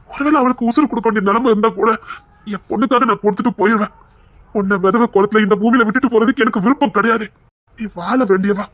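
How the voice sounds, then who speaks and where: A man's voice: very high-pitched, a bit bright, dry recording. Man playing a remorseful, pleading husband. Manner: earnest, pleading, sorrowful. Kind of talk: Tamil audio story acting.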